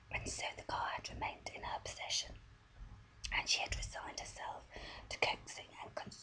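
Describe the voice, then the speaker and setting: A voice whispering softly and breathily, reading a story aloud in a deliberate ASMR style, close to the microphone. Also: rough recording. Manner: soft, deliberate story reading with small stumbles.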